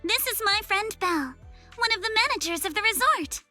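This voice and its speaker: Anime game plucky rich girl: very high, animated, prim, proud and earnest. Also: brisk, faint music behind, heavily acted. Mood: polite.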